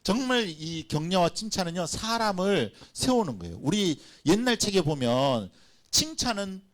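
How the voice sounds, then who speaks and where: A man's voice: sits high, very animated, moderate pace. A middle-aged man preaching a children's and family sermon, telling stories and acting out little scenes. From Korean coast. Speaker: pastor.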